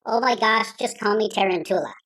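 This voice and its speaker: A man voicing a small, nervous male tarantula in a storybook, with a high, breathy, hushed voice and an anxious, worried way of talking. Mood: chatty. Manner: anxious, quick to worry. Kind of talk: storybook voice acting.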